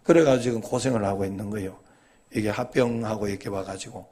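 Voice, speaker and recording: A male pastor giving a sermon in a conversational, folksy way, telling humorous stories and prompting his congregation with quick rhetorical questions. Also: lowish voice, dark tone, husky.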